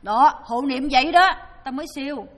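A woman's voice: high-pitched, moderate pace, long reverb tail. A woman with a Southern Vietnamese accent giving a storytelling dharma talk. She acts out the people in her stories as she tells them. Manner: lively storyteller, acting out the people she quotes. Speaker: Buddhist dharma speaker.

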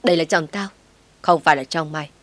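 A woman voicing a jealous young wife who curses and shouts harshly. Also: deep voice, quick pace, dry recording, lightly acted. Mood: furious.

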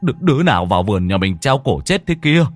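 A man voicing a coarse, greedy older village husband who curses gruffly. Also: lowish voice, sing-song, fast, dry recording, faint music behind. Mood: stammering fright. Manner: gruff, cursing.

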